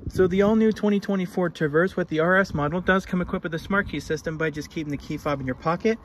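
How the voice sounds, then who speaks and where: A man's voice: sits high, fast, noisy background. A man giving a casual car walkaround, talking in a plain, easygoing show-and-tell way with frequent fillers. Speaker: car reviewer. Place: around and inside a parked car.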